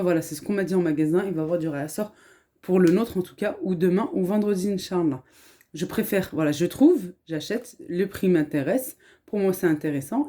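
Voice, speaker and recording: In her kitchen at home, a French woman records a casual haul vlog, chatting earnestly in a hushed mid-range voice to avoid waking the kids. Her French has a slight Arabic lilt from speaking Arabic at home, and she uses many fillers.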